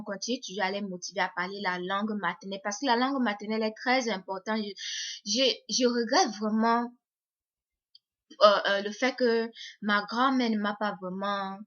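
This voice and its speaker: Her mid-range voice is a bit bright as this young woman talks casually to viewers in a vlog. She hesitates, repeats words and starts over a lot, all in slightly muffled lo-fi sound.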